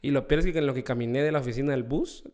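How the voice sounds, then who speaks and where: A comedian from Guatemala with a Guatemalan accent, telling a story in casual chat, swearing and acting out other people's voices. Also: male voice, mid-range voice, rapid-fire, darkish tone. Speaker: comedian guest.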